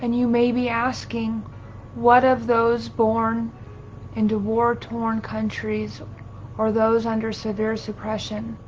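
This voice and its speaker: Slow, measured woman channeling like a seance medium. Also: completely flat delivery. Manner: formal, archaic phrasing in halting, deliberate phrases, speaking as a collective "we". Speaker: trance channeler. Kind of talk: seance medium channeling, solemn spiritual sermon. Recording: dull lo-fi audio with low rumbling noise.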